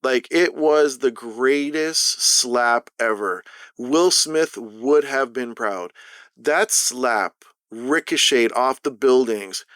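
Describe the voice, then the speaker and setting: A man's voice: mid-range voice, slow, a bit bright, dry recording, clean studio sound. A Canadian man vlogging over gameplay, telling a story in casual, profane slang with lots of energy. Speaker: gaming vlogger.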